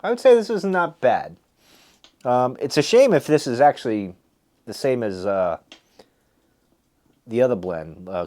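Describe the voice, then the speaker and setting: A man's voice: mid-range voice, a little mellow. A man with a mid-range voice talks casually as a reviewer on his own video. He rambles and muses, often hesitating as he works out his opinion aloud. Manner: musing, hesitant, thinking aloud. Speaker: pipe tobacco reviewer hosting a video.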